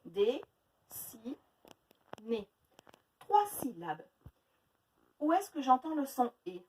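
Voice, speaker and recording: A high, very lively woman teacher from France leads young children through a phonics lesson. She talks slowly and stretches each word into exaggerated syllables. Her voice sits a little back from the mic, with faint noise behind it. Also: far from the mic, low-quality recording. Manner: slow, exaggerated syllable-by-syllable pronunciation.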